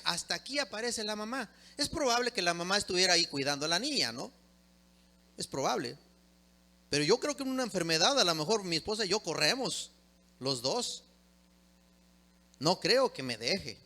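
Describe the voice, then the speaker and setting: Impassioned preacher, bright voice. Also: male voice. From Mexico. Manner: impassioned, swings from loud emphatic peaks to low quiet drops. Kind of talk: sermon.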